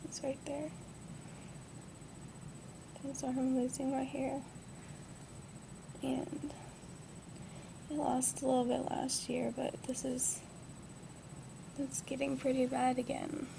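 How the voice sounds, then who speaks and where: Groggy and subdued, this twenty-year-old vlogger talks from her hospital bed into a close built-in device mic. Her high, gravelly voice stays level and slow, broken by long pauses, and the amateur webcam recording carries plenty of noise.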